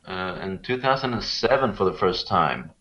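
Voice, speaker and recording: The Swedish interviewee, a local expert on Rapa Nui, speaks in a low-pitched, expressive voice at a moderate pace, sounding pushed and bright. His explanations are casual and peppered with "you know". Audio is dull and lo-fi, call-like.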